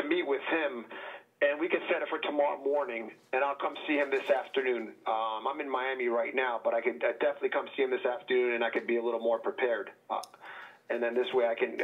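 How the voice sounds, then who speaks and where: A man, a defense attorney, calling into a court hearing over a speakerphone, talking hesitantly with many fillers and restarts. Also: mid-range voice. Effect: heard over a courtroom speakerphone. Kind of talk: phone call into a court hearing. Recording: tinny phone line on speakerphone.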